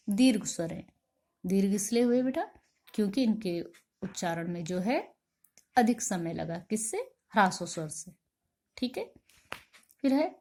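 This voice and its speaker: A woman teaching a grammar lesson, her voice soft and mellow rather than bright. She asks questions and answers them herself, calls the class "beta", and spells out each example sound slowly and deliberately. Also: medium pitch.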